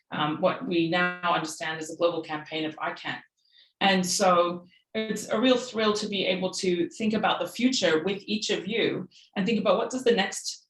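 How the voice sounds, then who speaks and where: Low-voiced woman giving a measured online talk. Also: echoey room, low-quality recording. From Peru. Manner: measured and thoughtful, with soft filler pauses. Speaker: guest speaker.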